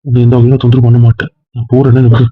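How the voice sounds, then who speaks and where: A man's voice: mid-range voice, completely flat delivery, very fast, no echo, close to an everyday voice. A man playing a grief-stricken young husband who pleads and despairs over his guilt. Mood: despairing. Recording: muffled phone-like sound.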